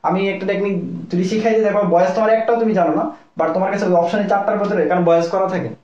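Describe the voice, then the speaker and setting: A young man from Bangladesh giving a live online lesson as a medical admission tutor, talking fast and often checking in with his listeners. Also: high voice, fairly even intonation, a little mellow. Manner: rapid, repetitive, keeps checking in with listeners. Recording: echoey, dull lo-fi room sound.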